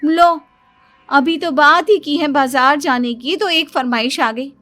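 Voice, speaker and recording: A woman's voice: sits high, unhurried, a bit bright, soft background music. A woman voicing a self-pitying young wife in a cartoon story, complaining in a whiny, dramatic way.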